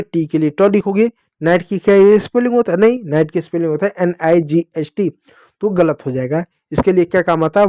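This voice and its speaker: A man's voice: sits high, a little mellow, dry recording, studio quality. A man teaching children English phonics, speaking to them directly and answering his own questions as he writes words out. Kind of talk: classroom lesson explaining phonics.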